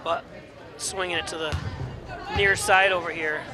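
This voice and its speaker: A middle-aged man doing chatty, joking commentary on a high school basketball game, rising to excited calls on big plays. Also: a little slow. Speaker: play-by-play commentator. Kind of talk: local sports commentary. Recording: loud gym crowd noise. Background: loud crowd and bouncing basketballs.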